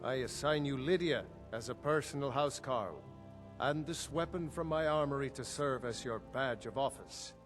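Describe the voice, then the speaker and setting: A man as a proud middle-aged jarl, game dialogue, measured formal delivery, grave tone, noble bearing. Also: mid-range voice, faint music behind, natural voice.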